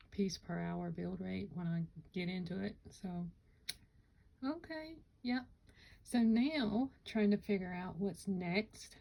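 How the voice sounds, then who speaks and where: A woman's voice: on the low side, gravelly, dark tone, a little hiss or hum, low-quality recording. A woman chatting casually to camera about her Lego builds, rambling and correcting herself, with hiccups. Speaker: Lego vlogger. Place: home Lego room.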